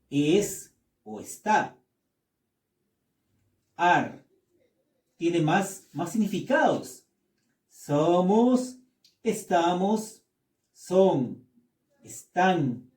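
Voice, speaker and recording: High mellow guy teaching a class real slow, repeats stuff, kinda far off the mic. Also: roomy sound. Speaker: English teacher. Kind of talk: classroom lesson.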